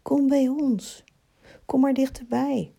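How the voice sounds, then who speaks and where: A woman as a gentle, breathy talking tree. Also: high-pitched, steady tone, slow pace, heavily acted. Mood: hushed coaxing. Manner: soft, coaxing, reassuring. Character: gentle, inviting, protective talking forest trees. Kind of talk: storytelling within a guided meditation.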